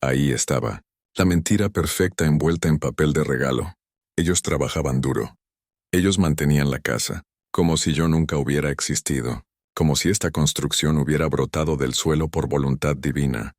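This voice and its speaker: Man, very deep voice, calm solemn narration, dry close sound. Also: normal speed, no room sound. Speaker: storyteller. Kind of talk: first-person scripted narration.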